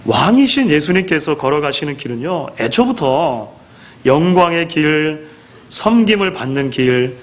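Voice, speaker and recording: Male pastor, sermon, fairly high voice, very lively pitch, acts out quoted speech, rhetorical questions. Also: measured pace. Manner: asks the congregation rhetorical questions.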